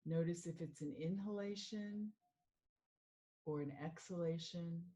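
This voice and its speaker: A woman working as a mindful living coach, leading a guided meditation in a calm, soothing way. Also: on the low side. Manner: slow, calm, soothing guidance.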